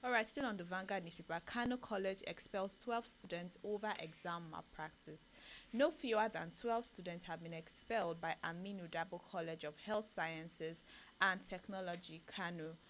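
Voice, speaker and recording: Reading the papers on a radio breakfast show, this Nigerian co-host delivers headlines and then comments with animation, her pitch climbing when excited. She speaks Nigerian English at a normal speed in a slightly low voice, with faint noise humming beneath the studio sound.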